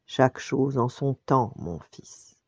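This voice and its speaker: A woman's voice: rumbling low, expressive, slow pace, darkish tone, no room sound, full character voice. A woman voicing a wise, fatherly male lion king who speaks firmly and kindly to his son. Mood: gentle. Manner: firm fatherly scolding. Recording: dull lo-fi dry recording.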